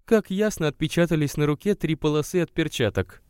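A man reading aloud voices a gentle, pleading young woman visitor in a spoken story. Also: fairly high pitch, brisk, clear, resonant tone, no room sound, studio quality, pitched above the performer's own voice, close to an everyday voice. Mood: hurt. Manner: soft, pleading, lilting.

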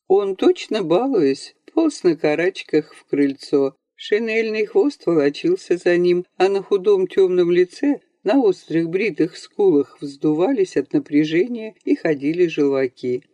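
Expressive audiobook narrator, mellow tone. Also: medium pitch, no echo. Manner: expressive, measured reading. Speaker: audiobook reader.

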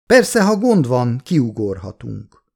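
A calm young woman polar guide, read by a male audiobook narrator explains the dangers with dry patience. Matter-of-fact and unflustered, she barely lifts her voice. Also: medium pitch, gravelly, slightly rough, exaggerated voice. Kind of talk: audiobook character voice.

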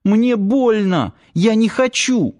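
A man's voice: very animated, slightly rough. A man putting on a terrified young woman. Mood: frightened pleading. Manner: high, pleading, drawn-out cries. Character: frightened young woman fighting off an attacker.

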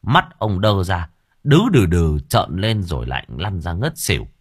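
A man narrating an audio story in a vivid, expressive way. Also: low-pitched, moderate pace, husky.

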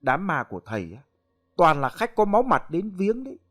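Man doing pompous greedy husband, lecturing tone, lively pitch, for a spoken ghost tale. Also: brisk, full character voice. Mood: bossy. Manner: bossy, lecturing. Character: greedy, pompous rich middle-aged husband.

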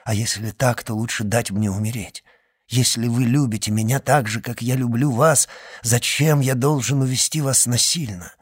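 A man's voice: normal speed, breathy edge, no echo, studio quality, natural voice. A man reading a grave young lover. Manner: low, earnest, solemn vows. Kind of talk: audiobook character reading.

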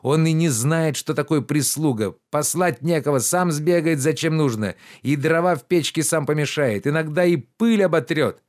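A man voicing a pampered, idle middle-aged gentleman who lectures his servant in a shrill, indignant tone. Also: normal speed, hardly any pauses, lightly acted. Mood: indignant lecturing.

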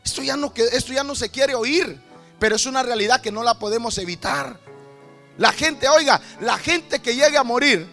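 High, fervent preacher man. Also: normal speed, gravelly, faint music behind. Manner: fervent, rhythmic, bursts into shouts. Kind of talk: sermon.

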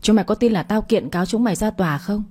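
A woman voicing a quarrelsome older mother-in-law who yells abuse and accusations from the gate, in storytelling narration. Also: mid-range voice, fast, husky, close to an everyday voice. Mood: screeching.

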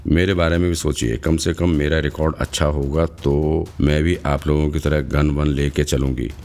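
A man's voice: a bass voice, level tone, normal speed, a little mellow. A male narrator voicing a cheeky, impatient young woman trainee who teases her boss in an audiobook. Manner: teasing, impatient.

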